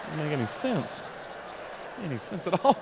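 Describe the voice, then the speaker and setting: Animated man doing stand-up. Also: fairly high pitch, moderate pace. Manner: animated, jumps into loud shouted character bits. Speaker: stand-up comedian. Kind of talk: stand-up comedy set. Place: comedy club stage. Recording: live room with long reverb, faint crowd noise.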